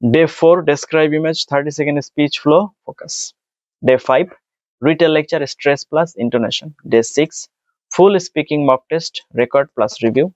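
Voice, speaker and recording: A man's voice: fairly high pitch, extremely slow, no room sound. Bangladeshi man teaching in numbered steps. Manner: explains in numbered steps, mixing in English terms. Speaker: PTE exam tutor. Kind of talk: spoken tutorial. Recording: dull, dry sound.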